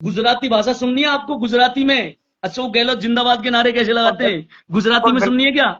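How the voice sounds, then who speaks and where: Male live-stream host, high voice, casual and chatty, lo-fi phone audio. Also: fairly quick, a bit bright. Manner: chatty, addresses viewers directly.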